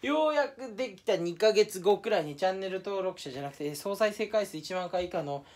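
A man's voice: high voice, expressive, fairly quick, darkish tone. A young man talking casually to camera in a solo vlog, rambling and self-mocking, slipping into mock Kansai dialect for fun. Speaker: YouTuber.

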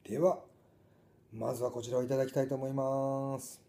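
Cooking and tasting at a table in a small indoor space, a middle-aged Kansai-accented food vlogger keeps up a casual chat and mutters to himself. His medium-pitched voice is gravelly and warm, with little pitch movement and a slightly fast pace.

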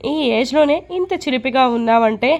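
A woman's voice: high voice, moderate pace, lo-fi sound, lightly acted. A woman voicing a playful young man who teases his aunt. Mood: teasing. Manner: cheeky, teasing.

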